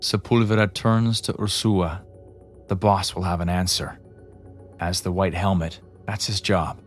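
A man with a fairly low voice delivers scripted, suspenseful narration in a measured way. His pacing builds tension line by line. Quiet music plays faintly underneath. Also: steady tone. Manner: measured, tense storytelling. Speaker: podcast narrator.

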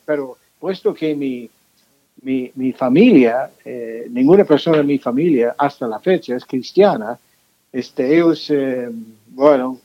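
A man being interviewed about his book, talking slowly through many fillers and restarts. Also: medium pitch, highs cut off. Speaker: author and pastor guest. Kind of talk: interview conversation.

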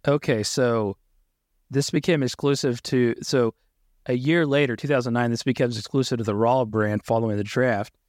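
Male co-host, mid-pitched, dry close mic, eager and chatty. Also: steady tone, moderate pace, a little mellow, no room sound. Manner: enthusiastic, reads out title history. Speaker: podcast co-host. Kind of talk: casual podcast chat.

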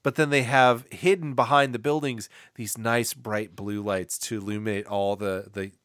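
A man co-hosting a podcast in casual chat, animated and jokey, rambling through his thoughts. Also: on the low side, normal speed, clean tone, dry recording, studio quality. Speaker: podcast co-host.

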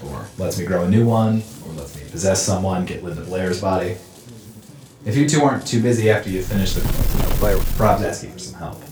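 Guy doing a chill staticky bodiless dude, real deep, roomy echo, faint hiss. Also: brisk, natural voice. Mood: laid-back. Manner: casual slang, drawling. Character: laid-back bodiless staticky man, slangy and easygoing.

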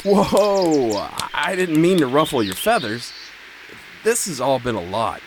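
A man playing a complaining, sheepish farm boy turned highwayman in an audio drama, plaintive and wry. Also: very animated, slow pace, background noise. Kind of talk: dramatic audio fiction acting. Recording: clear birdsong and outdoor ambience behind. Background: birdsong, outdoor ambience.

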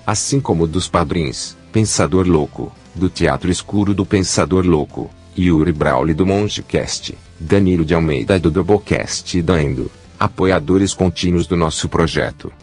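A very low male voice from an old-style speech synthesizer reads scripted news with a Brazilian accent. The delivery is mechanical and announcer-like. The tone is husky, with soft music underneath. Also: moderate pace, hardly any pauses. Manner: mechanical, evenly read announcements. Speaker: podcast news bulletin announcer.

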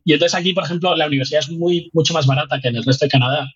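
A guest researcher from Spain, speaking with a Spanish accent, chats animatedly in a casual interview, laughing often and restarting his sentences. His voice is fairly high-pitched and slightly rough, and he talks at a racing speed. The recording sounds muffled.

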